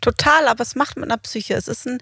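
A woman's voice: a little high, fast, husky, no echo, clean studio sound. A woman co-hosting a podcast, telling family stories casually and sometimes searching for words. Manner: warm storytelling, searches for words. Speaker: podcast co-host. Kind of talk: casual chat.

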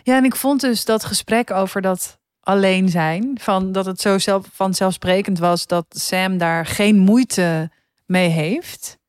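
A woman's voice: mid-range voice, takes it slowly, clean tone, dry recording, studio quality. A woman in her thirties co-hosting a podcast, chatting casually and laughing at herself. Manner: chatty, laughing, self-mocking. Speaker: podcast co-host. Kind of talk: casual chat.

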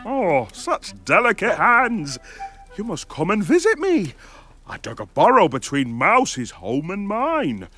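A man voicing a blind male mole with a pompous, gleeful, drawn-out way of talking. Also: high-pitched, wildly swooping pitch, fairly bright tone, exaggerated voice. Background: music.

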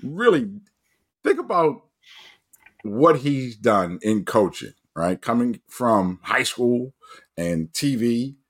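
A man, a coach, talking casually about college football, his voice jumping up when excited and often restarting his sentences. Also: takes it slowly. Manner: animated, pitch jumps up when excited, frequent restarts. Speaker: coach and guest analyst. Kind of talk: casual sports talk.

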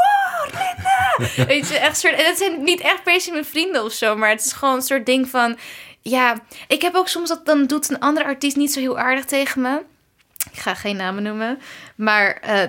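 A woman's voice: fairly high pitch, fairly bright tone. Chatty, enthusiastic young Dutch woman. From Netherlands. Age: young adult. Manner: enthusiastic, chatty, mixes in English words. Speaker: pop singer, interview guest. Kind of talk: casual interview chat. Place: bedroom at her parents' home.

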